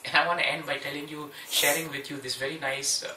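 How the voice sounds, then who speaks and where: A man's voice: fairly high pitch, fast. A man giving an evening scripture class in a home, telling a humorous story and acting out its voices. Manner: lively storyteller, acts out voices in the tale. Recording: roomy, distant mic, faint noise.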